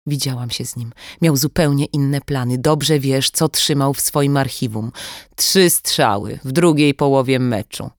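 A woman's voice: very deep voice, a little slow, no room sound. A narrator voicing a female profiler and frightened mother who speaks strained and pleading, in a dry audiobook recording. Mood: insistent. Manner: strained, pleading under control. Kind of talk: audiobook dialogue.

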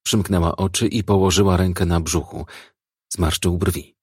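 A man reading a crime novel aloud as an audiobook narrator, in a steady, measured way. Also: sits low, husky, dry recording, clean studio sound.

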